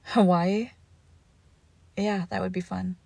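A young woman playing a devoted girlfriend who nurses her sick partner, coaxing and protective, often dropping to a hush. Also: mid-range voice, little pitch movement, takes it slowly, gravelly, no room sound. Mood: soothing. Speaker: audio roleplay performer. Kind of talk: audio roleplay addressed to the listener.

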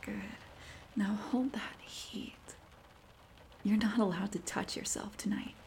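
A woman playing a seductive, teasing, dominant neighbor in a whispered role-play, breathy and coaxing, speaking intimately right in the listener's ear. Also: mid-range voice, steady tone, a little mellow. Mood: coaxing, commanding. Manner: slow, coaxing, breathy delivery.

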